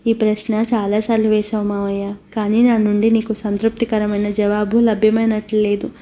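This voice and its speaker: A wistful young woman with a hidden secret, read by a woman narrator in an audiobook. Her voice stays almost level in pitch, with a mellow, darkish tone. She sounds soft and resigned. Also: monotone, normal speed, close to an everyday voice.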